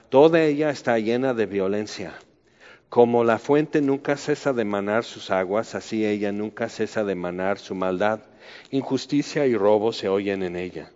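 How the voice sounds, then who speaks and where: A man's voice: lowish voice, a little mellow. A man preaching, reading Bible passages aloud and commenting on them in a loose, conversational way. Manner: reads scripture then comments in a loose conversational way. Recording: dull roomy recording with long reverb.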